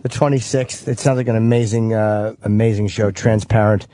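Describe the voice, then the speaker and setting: A man's voice: fairly low pitch, fairly even intonation, normal speed, warm tone, dry recording. A man co-hosting a radio talk show, joking and prodding the guest for secrets. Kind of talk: casual radio chat.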